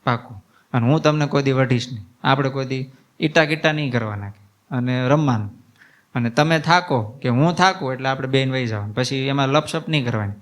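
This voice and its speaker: A man voicing a mischievous boy god who speaks gently to his playmate. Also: medium pitch, a little fast, lightly acted. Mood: promising. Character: playful mischievous boy god, child's friend.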